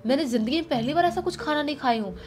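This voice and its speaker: A tearful, plaintive orphaned young village girl, as a woman storyteller puts her on, lonely and hungry. Her voice is slightly high and sits over faint music in a storybook telling. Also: expressive, rapid-fire, a little mellow. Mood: sorrowful.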